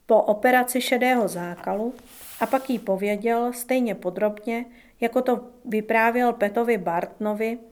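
A woman reading a novel aloud as an audiobook narrator. Her delivery is calm and measured, in a fairly high voice.

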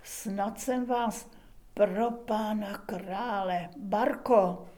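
A woman's voice: mid-range voice, dark tone, lightly acted. Woman voicing a panicky stingy peasant man. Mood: alarmed. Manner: anxious, exclaiming.

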